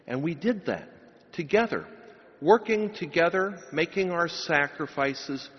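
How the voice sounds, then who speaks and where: A man's voice: fairly high pitch, sing-song, measured pace, slightly rough. A middle-aged man, a pastor, preaching a sermon and giving a blessing at a pulpit microphone, with emphatic, rising phrases. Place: large church. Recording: long church reverb, dull sound.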